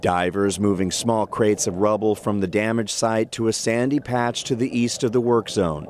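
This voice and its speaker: Male TV reporter, voice-over, lowish pitch, measured formal read, faint hiss behind. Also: steady tone, a little mellow. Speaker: news reporter.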